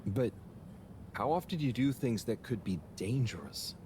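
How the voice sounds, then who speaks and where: A man's voice: mid-range voice, lively intonation, normal speed, natural voice. An actor voicing Harold, an earnest, awkward young man who talks hesitantly, with ambient noise behind him. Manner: hesitant, mumbling, self-conscious. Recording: game audio with ambient noise.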